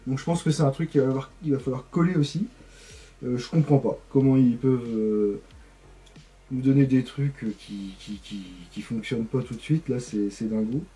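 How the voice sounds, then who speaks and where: A man's voice: medium pitch, dark tone. A man hosting a casual video, chatting as he assembles a model. He rambles with many fillers and repeated words. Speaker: host.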